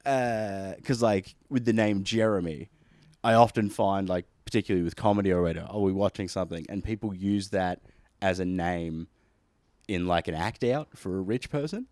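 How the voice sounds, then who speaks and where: A man's voice: deep voice, normal speed, a little mellow, no echo. A man hosting a podcast, teasing his guest in casual chat and swearing freely. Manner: swears a lot, teasing, joking. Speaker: podcast host.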